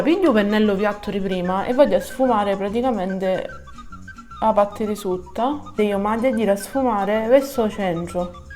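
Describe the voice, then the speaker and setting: A woman's voice: mid-range voice, a little mellow. A woman with a southern Italian, Sicilian accent giving a casual, colloquial step-by-step makeup tutorial in dialect, often repeating words for emphasis.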